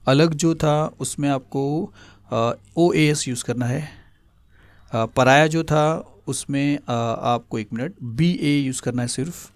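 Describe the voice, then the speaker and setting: A male tutor explaining a memory trick step by step, pausing often with filler sounds. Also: a little high, no echo. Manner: hesitant, many filler sounds.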